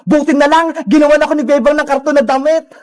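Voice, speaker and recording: A woman's voice: high voice, fairly even intonation, fast, lightly acted. A woman doing a cheerful cartoon boy. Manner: bright, addresses viewers directly. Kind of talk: cartoon voice acting.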